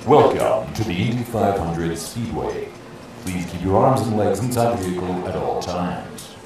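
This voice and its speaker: A man voicing an adult male amusement-ride announcer who gives formal, polite safety announcements over an outdoor loudspeaker. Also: sits low, sing-song, moderate pace, noisy background. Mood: routine announcing. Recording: echoey, distant loudspeaker sound.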